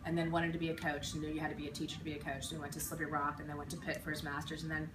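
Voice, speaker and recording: Low-voiced woman in an echoey school room. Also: flat delivery, racing. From western Pennsylvania. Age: 40s. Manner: reflective, rambling with frequent ums and restarts. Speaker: interviewee, teacher. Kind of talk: casual recollection in an interview. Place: school building. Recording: echoey room, mic far off, noisy.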